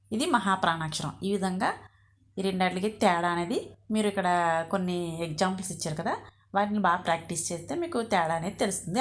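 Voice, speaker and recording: A woman with a fairly low voice teaches an exam-prep lesson. She reads through word lists and notes at an unhurried pace, adding short plain explanations along the way.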